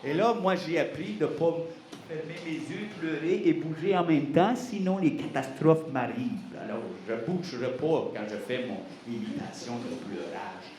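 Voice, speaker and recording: A man telling a Bible story to children in a playful, expressive way, asking the audience questions. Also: a little high, normal speed. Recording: roomy hall, faint noise.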